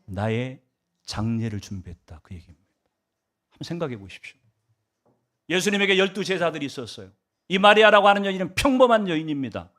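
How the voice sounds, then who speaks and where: A man's voice: a little high, sing-song, brisk, long pauses, fairly bright tone. A male pastor delivering a Sunday sermon, asking the congregation rhetorical questions and swinging his emphasis up and down.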